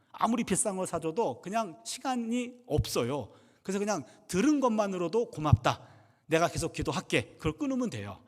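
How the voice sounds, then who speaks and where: A man's voice: high voice, darkish tone. A middle-aged man, a pastor and professor, preaching a sermon at a revival service with humorous storytelling and acted-out dialogue. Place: church sanctuary. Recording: long reverb of a church hall.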